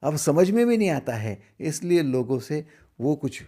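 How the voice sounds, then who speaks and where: A middle-aged teacher gives a spiritual discourse in an unhurried, sing-song voice pitched on the high side. He poses rhetorical questions and shifts between loud emphasis and hushed asides.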